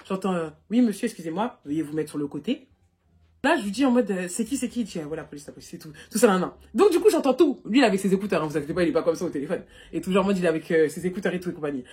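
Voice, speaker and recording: Fast-talking husky young woman vlogger. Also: fairly low pitch. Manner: rapid and animated, full of fillers like "et tout" and "du coup". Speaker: vlogger telling a personal story. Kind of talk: casual storytime monologue. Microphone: phone.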